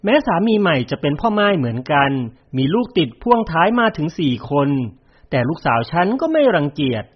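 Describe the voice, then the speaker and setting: A man reading a memoir aloud in a measured storytelling way. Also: fairly high pitch, very animated, husky. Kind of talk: audiobook narration of a memoir. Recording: dull lo-fi recording.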